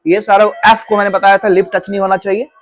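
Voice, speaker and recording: A man's voice: sits high, flat delivery, fast, a crowd in the background. A man teaching pronunciation to a class in a coaching classroom, asking questions and repeating them, calling the students "beta". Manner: repeats his own questions to drill the class.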